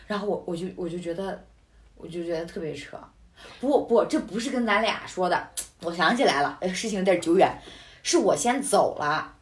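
Woman, casual chat, animated storytelling, swooping lively pitch, indignant bursts. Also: a little fast.

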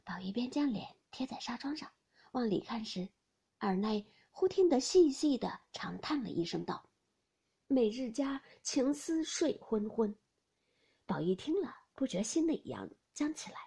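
A woman reading a classic novel aloud and acting out each character's lines with big pitch swings. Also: sing-song, moderate pace, vocal fry, warm tone, breathy edge. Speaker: storyteller.

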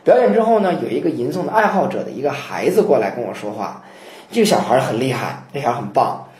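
A man teaching the chanting of classical poetry, explaining in a lively lecture and breaking into slow chanted verse. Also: medium pitch. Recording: roomy echo.

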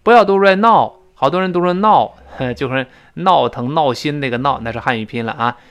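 A man teaching a spoken English lesson whose first language is Chinese. He explains at length with many fillers and repeats words slowly to model pronunciation. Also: mid-range voice.

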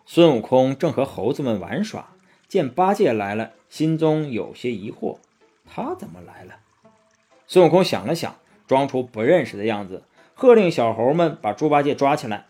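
A man narrating a children's story episode in an expressive way. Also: medium pitch, moderate pace, slightly rough, faint music behind.

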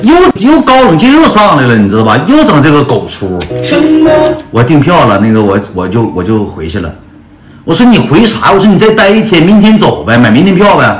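Briskly and with big swings in pitch, a man with a mid-range voice rambles through a casual personal story, heavy on slang, and calls his listeners brothers. Guitar music plays in the echoey room where he's recorded.

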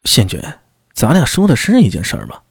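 A sharp-witted young constable captain, voiced by a male audiobook reader talks in a casual, wry way. His voice is husky and swings freely in pitch. The sound is dry and close. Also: wildly swooping pitch, a little fast, no echo, exaggerated voice.

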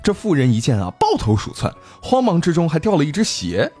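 A man's voice: fairly high pitch, fairly quick, breathy edge, faint music behind. A man hosting a podcast, telling a ghost story in a casual, joking way with his co-hosts. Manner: lively, playful, joking with co-hosts.

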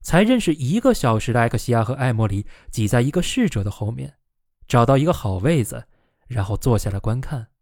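A man reads a novel aloud in a lively, animated way, his mid-level pitch rising and falling widely, and he raises his voice when speaking the characters' quoted lines. He goes a little fast, and the recording is dry and close with no room around it.

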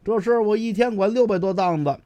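A man's voice: high-pitched, fast, warm tone, no room sound, pitched above the performer's own voice, lightly acted. A man doing a jovial prince. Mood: breezy commanding. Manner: breezy, joking, commanding. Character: jovial, easygoing old Beijing prince.

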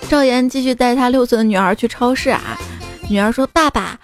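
A woman's voice: a little high, fairly even intonation, fairly quick. A woman hosting a funny-stories show, reading listener jokes in a chatty way and chuckling between them. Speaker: host of a funny-stories program. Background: faint background music.

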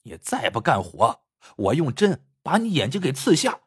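A man's voice: medium pitch, huge pitch swings, normal speed, husky, dry recording, clean studio sound. A man voicing a spoiled, cruel young woman, a warlord's daughter, scolding and threatening in a spoken story. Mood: raging. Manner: shouting abuse, domineering.

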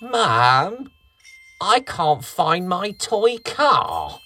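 A man putting on a small boy's high, shouty voice, a careless little kid calling for his mother from across the house. the pitch jumps well above the performer's own, and it sounds slightly distant. it's a bedtime storybook voice. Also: sing-song, extremely slow, full character voice. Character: little boy Tommy, frantic about lost toys.

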